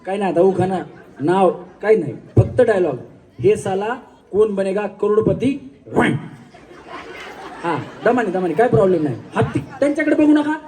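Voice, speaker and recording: Joking high-voiced man hosting a stage game. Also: lively intonation, brisk, a little mellow. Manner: joking, coaxing crowd instructions. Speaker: game show host. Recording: distant mic with crowd behind.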